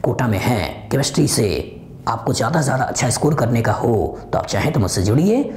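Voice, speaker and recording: A man's voice: medium pitch, very animated, brisk, a little mellow, a little hiss or hum. A middle-aged male chemistry teacher recaps a topic for exam students, earnestly repeating a refrain as he drills each key point in front of a digital board. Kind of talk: exam-prep lecture recap. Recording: roomy studio echo.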